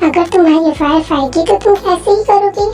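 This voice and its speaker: A woman's voice: very high-pitched, normal speed, dark tone, faint music behind. A woman voicing a worried, nagging mother who waits up late, in an amateur dubbed story. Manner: nagging, scolding.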